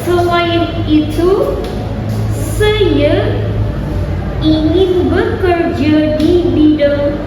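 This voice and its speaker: A female learner speaking Indonesian, reading aloud in a halting, word-by-word way. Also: very high-pitched, music in the background. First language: not Indonesian, a foreign learner. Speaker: language student. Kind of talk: reading a short prepared text aloud in class. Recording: echoey hall, distant mic, noisy.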